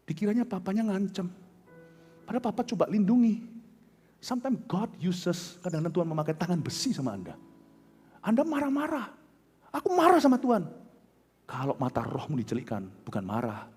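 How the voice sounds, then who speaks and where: A middle-aged Indonesian pastor preaching with a high, very lively voice that swings between loud bursts and hushed asides. He tells his stories with animation. The sound rings in a large hall with a long reverb. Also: breathy edge. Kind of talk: sermon.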